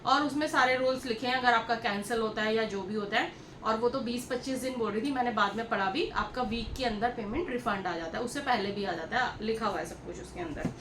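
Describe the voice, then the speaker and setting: A woman from India vlogs in a casual, chatty way, telling viewers a story, repeating herself and speaking to them directly. Her voice is a little high, brisk and fairly bright, recorded in an echoey room with clear background noise.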